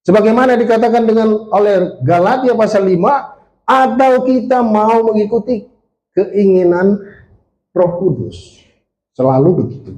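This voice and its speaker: Speaking a little slowly in a high-pitched, darkish voice, an Indonesian-accented man in his late forties preaches to a congregation. He draws them in with questions and calls for amen, his words echoing through the church hall.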